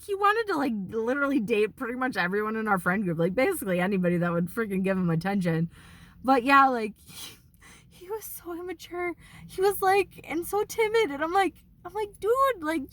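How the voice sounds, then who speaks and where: A woman vlogging from her car in a casual, rambling monologue, swearing freely, filling every pause with "like" and slipping into heated rants. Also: fairly high pitch, a bit bright, no echo. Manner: rambling and profane, heavy use of "like"; heated ranting. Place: inside a car.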